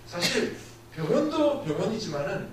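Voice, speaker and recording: A man's voice: high voice, very animated, normal speed, noisy background. A man preaching a sermon as a missionary, giving an earnest testimony and asking the congregation rhetorical questions. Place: church sanctuary. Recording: very echoey church hall, distant.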